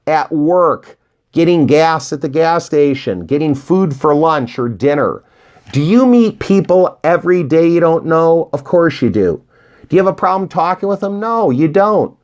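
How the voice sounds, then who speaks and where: A real estate investing coach, a man with a slightly high voice, speaks at a measured pace in a motivational tutorial for beginners. His manner is folksy, emphatic and encouraging, full of rhetorical questions and small acted-out examples, and he animatedly plays out imagined dialogue for viewers.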